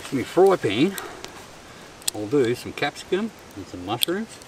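A man's voice: mid-range voice, sing-song, a little slow. Laid-back Australian man at a night campsite. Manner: laid-back, chatty, self-amused. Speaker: outdoor vlogger. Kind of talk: casual camp narration. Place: riverbank campsite at night, outdoors. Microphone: camera mic at a distance. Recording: distant camera mic, outdoor night noise.

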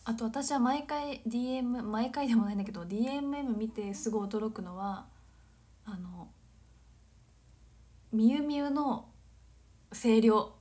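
A woman in her twenties from Nagano, chatting casually on a livestream, giggling and drifting into soft whispered asides. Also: fairly high pitch, normal speed, long pauses. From Nagano, Japan. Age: 20s. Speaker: livestream host. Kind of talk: casual chat reading viewer comments.

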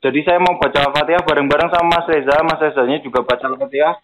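Talking rapid-fire in a slightly high, steady voice over background crowd noise, a prank caller pretends to be a grateful victim. He stays courteous yet persistent, as though begging.

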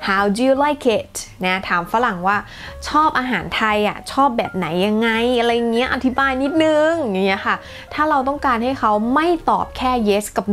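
A woman hosting a casual English lesson, chatting in a lively way and mixing English phrases into her explanations. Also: on the high side. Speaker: English teacher and channel host.

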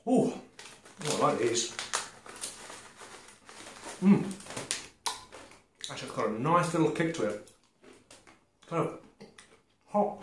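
A man in his forties chatting casually to camera as he tastes snacks, halting and muttering between bites. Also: medium pitch. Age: 40s. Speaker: food review vlogger. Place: small glazed conservatory. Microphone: camera a short distance away. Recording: roomy echo, clear background noise.

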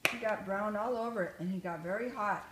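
An older woman, a grandmother, reading a children's story aloud with expressive, rhythmic storytelling. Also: mid-range voice, brisk. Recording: echoey room, faint noise.

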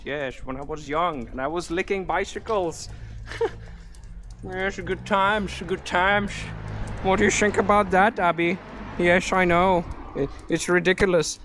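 A man's voice: high voice, normal speed, a bit bright, slight background noise. A man live-streaming outdoors while walking his dog, chatting casually with viewers in a giggly, teasing way.

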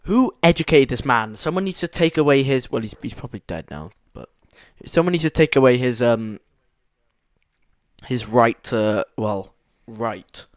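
A man's voice: mid-range voice, animated, normal speed, no echo. A young man chatting casually as a podcast co-host, rambling and enthusiastic, right up close to his microphone. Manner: rambling, enthusiastic, full of fillers. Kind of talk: casual chat.

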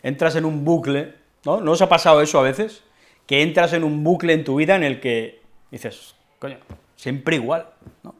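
A man from Spain with a Peninsular Spanish accent, speaking in a fairly high voice. He teaches everyday expressions in a loose, chatty lesson and slips into quick acted dialogues to show how they are used. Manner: playful, acts out little dialogues with his brother. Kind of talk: casual explanatory lesson with acted examples.

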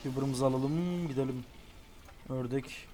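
A young man giving casual, excitable commentary while playing a racing game online. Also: mid-range voice, a little slow, soft background music. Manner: excitable, exclaims at near misses. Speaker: gaming YouTuber.

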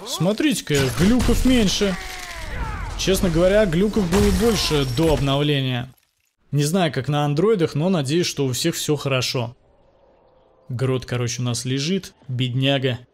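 A man's voice: a little high, moderate pace, noisy background. A young man giving casual, slangy Let's Play commentary on a mobile fighting game. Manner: slangy, informal, narrating and paraphrasing the cutscenes. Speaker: gameplay commentator.

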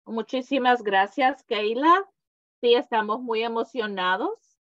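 A woman's voice: on the high side, a little slow, fairly bright tone, no echo. Woman hosting a video call. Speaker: program coordinator, event host. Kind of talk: welcoming remarks on a video call. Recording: dry, dull video-call audio.

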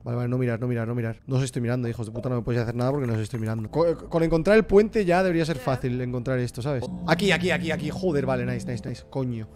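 A young man from Spain with a Spanish accent, commentating a live game stream, excitable and swearing, shrieking when scared and cooing at his in-game pets. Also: mid-range voice, racing, hardly any pauses. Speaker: gaming streamer.

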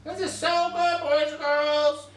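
A woman voicing a playful, stubborn young kid puppet who teases and argues slowly. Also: high voice, little pitch movement, a crowd in the background. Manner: slow, teasing, argumentative. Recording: roomy, distant mic, faint noise.

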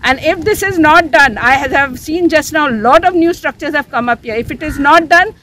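Older woman, civic activist, high voice, insistent, many restarts, outdoor interview with faint traffic behind. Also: normal speed, pushed and bright. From India. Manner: earnest, insistent, with frequent restarts and fillers. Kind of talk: on-the-spot news interview. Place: outdoors near a beach, under an umbrella.

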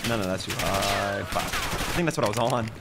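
A man's voice: fairly low pitch, a little fast. A young man giving live gameplay commentary as a streamer, talking like a frat bro with constant swearing and slang. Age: young adult. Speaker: game streamer. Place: indoor room, streaming setup. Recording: loud game gunfire and vehicle noise. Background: shooter game gunfire, vehicles.

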